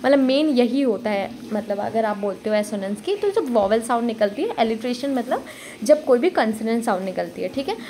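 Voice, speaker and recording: A woman's voice: on the high side, lively intonation, a little fast, dark tone, slight background noise. A woman tutor giving a casual exam-prep lecture, talking freely, checking in with "okay" again and again, and mixing English terms into Hindi. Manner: talkative, repeats "okay" often, mixes English into Hindi.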